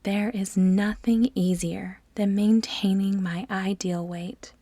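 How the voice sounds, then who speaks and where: A woman's mid-range voice, soft and breathy to the point of nearly whispering, guides a meditation with a steady tone. Each phrase is calm and measured, separated by intentional pauses, and there is no echo.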